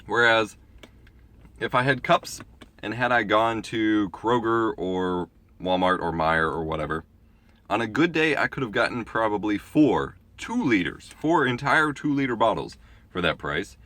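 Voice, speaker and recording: A young man talks into his phone camera in a casual vlog, his voice a little low and stuffy from congestion. He explains his views in a chatty, opinionated way. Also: lively intonation, measured pace, sharp tone, no room sound. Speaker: vlogger. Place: gas station store and car. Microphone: phone camera, handheld or propped.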